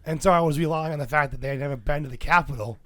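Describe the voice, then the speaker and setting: A man co-hosting a podcast, with a raspy voice gone hoarse from illness, explaining a topic steadily with fillers. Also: a little high, rapid-fire, bright, forceful tone, no room sound. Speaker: podcast co-host. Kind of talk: casual chat about tabletop games.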